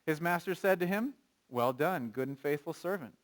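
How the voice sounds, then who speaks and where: At a normal pace, a male pastor with a fairly high-pitched voice brings energy and a conversational feel to his sermon. He asks the congregation questions and reads scripture aloud.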